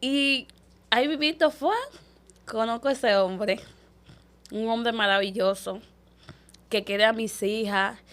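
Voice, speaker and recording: A young woman, telling her life story as an interview guest, quick and animated, acting out the people she quotes. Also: on the high side. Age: young adult. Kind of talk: emotional personal storytelling.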